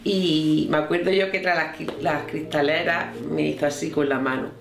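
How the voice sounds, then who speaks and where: A woman from Spain, a hospital colleague, speaking in a reflective, measured way in a documentary interview. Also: low-pitched, steady tone, noisy background. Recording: roomy room with faint music.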